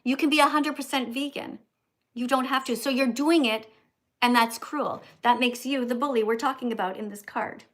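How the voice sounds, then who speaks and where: A woman's voice: high-pitched, fairly even intonation, normal speed. An older woman hosting a livestream, talking with callers in an insistent, lecturing, teacherly way. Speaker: livestream host.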